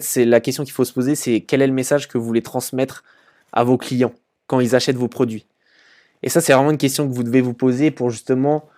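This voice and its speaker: A man's voice: medium pitch, darkish tone. A young man hosting a casual online business video, talking through a website with lots of fillers and repeated words. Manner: informal and chatty, many fillers and repeated words. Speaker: e-commerce channel host. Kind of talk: casual screen-share commentary.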